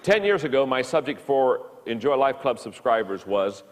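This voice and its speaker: In a big-room sound, a leadership teacher in his 50s speaks in a mid-range, very animated voice. His recorded lesson is halting, with frequent stumbles and repeated words.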